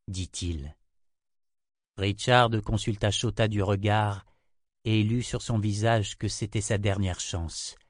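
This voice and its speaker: A man narrating a fantasy novel in a steady, even storytelling voice. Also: on the low side, no room sound, studio quality. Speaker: audiobook narrator. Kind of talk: scripted narration.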